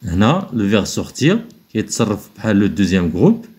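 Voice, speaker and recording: Moroccan man teaching, slow dictation. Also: fairly low pitch, sing-song, darkish tone. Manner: switches between quick explaining and slow, spelled-out dictation. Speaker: French teacher. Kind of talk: explaining school exercises.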